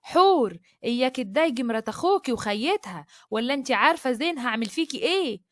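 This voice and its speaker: Stern mom, woman reading her, firm scolding voice, high and quick. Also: expressive, no room sound, clean studio sound. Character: stern loving older Upper Egyptian mother.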